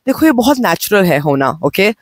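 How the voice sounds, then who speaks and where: A woman's voice: mid-range voice, sing-song, husky, no room sound. Woman life coach, unwell. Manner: mixes Hindi and English, speaks slowly and gently. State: unwell, voice sounds off. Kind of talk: spiritual self-help talk. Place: outdoors on location.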